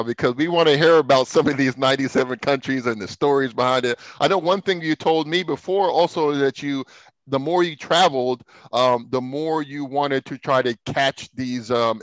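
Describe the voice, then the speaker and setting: A male podcast host chats casually and eagerly praises his guest. His voice is mid-pitched and dry, close to the mic, with no room sound. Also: fairly bright tone, dry recording, rough recording. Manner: enthusiastic and encouraging, often says "man". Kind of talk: casual interview chat.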